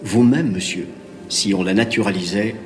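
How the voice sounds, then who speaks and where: An actor playing a skeptical scientist in a film scene, speaking in a formal, lecturing way. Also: male voice, fairly low pitch, normal speed, over music, natural voice. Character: learned scientist, dry and skeptical.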